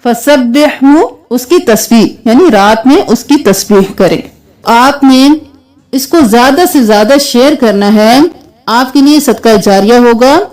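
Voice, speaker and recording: A woman teaching Quran reading, spelling sounds out letter by letter and chanting verses slowly. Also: on the high side, expressive, darkish tone. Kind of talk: slow tajweed lesson with recited verses.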